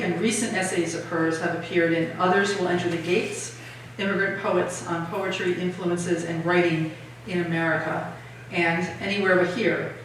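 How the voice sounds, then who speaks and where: Bright-voiced woman introducing a speaker. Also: on the low side, slight background noise. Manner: reads a prepared introduction with small fillers. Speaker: event host introducing a guest. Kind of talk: read introduction. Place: art gallery. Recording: echoey gallery from far off.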